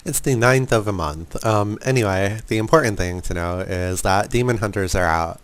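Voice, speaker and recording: A gaming video creator walks through a video game in a casual, informal way, sounding a little apologetic and self-deprecating. His voice is on the low side, at a moderate pace.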